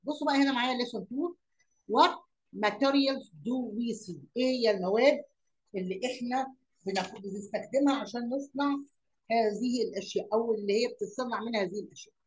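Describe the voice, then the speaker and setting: A woman's voice: on the high side, fast, darkish tone, slight background noise, poor audio. A woman with an Egyptian Arabic accent teaching young pupils. She repeats words, asks questions aloud and mixes English lesson words into her Arabic explanations.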